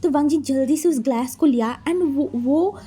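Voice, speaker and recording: A woman's voice: high voice, moderate pace, mellow, a little hiss or hum. A woman casually retelling a romantic fan-fiction story, chatty and mixing English words into her speech.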